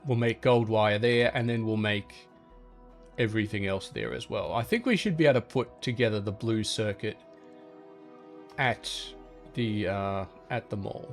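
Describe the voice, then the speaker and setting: Soft music plays behind a gaming channel host as he calmly narrates his gameplay, planning out loud and addressing objects in the game. He speaks at normal speed in a lowish voice.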